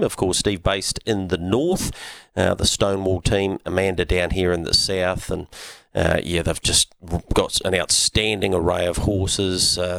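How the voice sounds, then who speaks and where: Deep-voiced, blokey New male radio host. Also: vocal fry, a bit bright. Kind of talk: casual sports radio interview.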